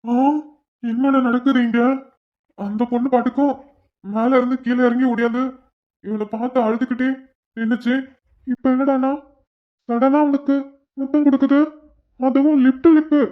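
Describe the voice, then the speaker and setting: A voice actor playing a young male wedding guest in a cartoon, gossiping to a friend in a hushed aside. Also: high-pitched, level tone, moderate pace, long pauses, close to an everyday voice. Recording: dull lo-fi recording.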